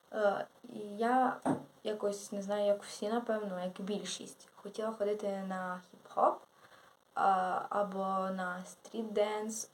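A woman's voice: mid-range voice, darkish tone. A teenage girl from Ukraine chatting casually in a vlog, rambling along and correcting herself. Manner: rambling, with self-corrections and hesitations. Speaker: vlogger. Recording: echoey room.

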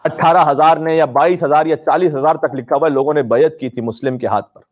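Fairly quick and steady in tone, a slightly high male voice preaches with passion. The sermon, emphatic, declamatory and mournful in its storytelling, streams live from an indoor room decorated with draped religious banners.

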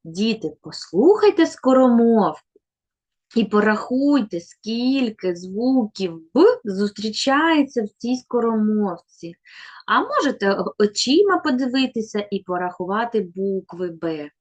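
Lady teacher talking to little kids, slow and sing-songy, kinda high voice, spells out sounds real carefully. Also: big pitch swings, a little mellow, highs cut off. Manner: slow, sing-song and encouraging, addressing children; over-articulates letter sounds and tongue twisters. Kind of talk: children's literacy lesson.

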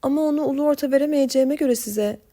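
A desperate young woman speaks in a storybook reading, her voice lifted above the narration and pressing with urgency. She begs and coaxes, warm and soft-edged, as a woman reader acts her out. Her tone stays earnest throughout. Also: high voice, fast, pitched above the performer's own voice, close to an everyday voice. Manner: pleading, urgent. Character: desperate young woman pleading, then coaxing.

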